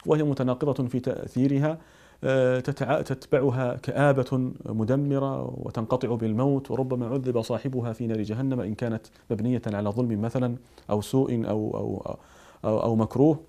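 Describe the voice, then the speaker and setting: A man's voice: mid-range voice, fairly even intonation, brisk, warm tone. A man preaching a sermon, emphatic, with rhetorical questions.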